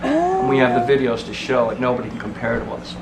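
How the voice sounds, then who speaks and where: A man's voice: mid-range voice, wildly swooping pitch, fast. A chatty man talks up his family with a boastful, casual manner. The room around him is echoey, and the recording carries heavy background noise. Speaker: participant at a storytelling circle. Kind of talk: casual self-introduction.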